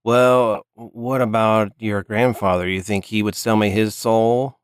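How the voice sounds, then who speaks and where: An odd schoolgirl who can't leave people alone, pitching a soul-buying deal in a breezy way, as a man puts her on. The voice sits low and smooth, recorded dry and close for a tabletop game podcast. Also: fairly even intonation, a little slow, dry recording, natural voice. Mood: pushy. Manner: pestering, breezy sales pitch. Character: odd pushy schoolgirl who buys souls.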